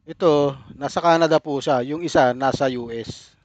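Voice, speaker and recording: A Filipino man with a Filipino accent commenting informally to viewers in an emphatic, deliberate way, often repeating himself. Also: mid-range voice, dull audio. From Philippines. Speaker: reaction video host.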